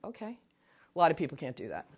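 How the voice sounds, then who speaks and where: Her voice leans low, moving at a moderate pace over lo-fi sound. In a meeting room she gives a casual training lecture, animated and chatty, full of stories and asides.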